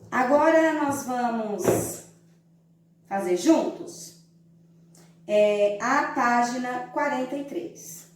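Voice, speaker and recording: A Brazilian woman teacher giving a slow, didactic lesson to young children, stretching out syllables to show how they sound. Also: high-pitched, a little mellow, distant mic. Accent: Brazilian Portuguese. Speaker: primary school teacher. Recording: very echoey room, voice from away from the mic.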